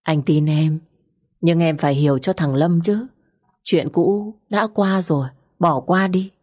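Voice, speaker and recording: Brief: a woman reading a gentle fatherly figure, low and measured, storybook reading. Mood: soothing. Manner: soothing, measured advice. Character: calm older father, gentle and advising.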